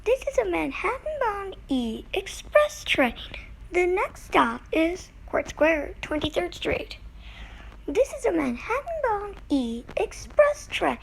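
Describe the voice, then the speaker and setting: A woman's voice: very high-pitched, very animated, takes it slowly, vocal fry. A woman with an American accent reading formal, scripted subway announcements over the train intercom. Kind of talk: scripted automated transit announcement. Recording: noisy subway car intercom recording.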